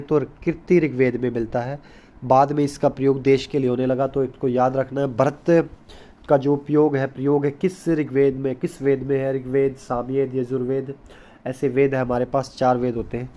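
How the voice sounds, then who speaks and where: A man's voice: mid-range voice, flat delivery, normal speed, mellow, lo-fi sound. A man teaching a recorded school lesson, explaining step by step, repeating key points and mixing English terms into his Hindi.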